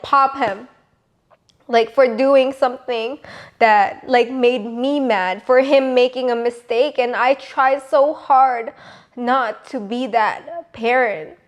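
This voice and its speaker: A young woman from the Philippines, a mother, speaking softly and haltingly with many fillers in a casual podcast conversation. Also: sits high. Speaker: podcast co-host.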